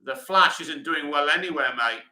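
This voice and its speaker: A middle-aged man holds forth on a casual livestream, reading out viewer comments and answering them with blunt opinions. His voice is bright and sharp and sits a little high for a man. The room around him is echoey. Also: normal speed. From England. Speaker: livestream host reading chat.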